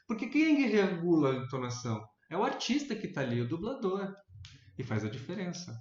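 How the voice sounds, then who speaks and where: A man with a Brazilian accent making his points in a casual debate, thinking aloud with restarts and sudden animated rises in pitch. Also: fairly quick, slight background noise. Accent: Brazilian Portuguese. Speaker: debate panelist. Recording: echoey room, dull lo-fi sound.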